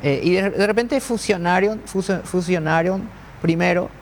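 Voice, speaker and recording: A man's voice: sits high, moderate pace, slight background noise. A man co-hosting a talk show, making wry, argumentative points and checking for agreement. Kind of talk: casual studio conversation.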